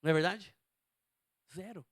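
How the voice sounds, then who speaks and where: A man delivers a sermon in a high-pitched voice, speaking emphatically and repeatedly turning questions on his listeners. The sound is close and dry, with no room around it. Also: moderate pace, dry recording. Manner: emphatic, asks the congregation questions. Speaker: preacher.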